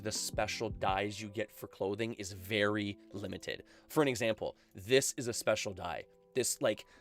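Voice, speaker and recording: A Canadian man chatting casually on his live game stream through a headset, full of fillers and laughs. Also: on the low side.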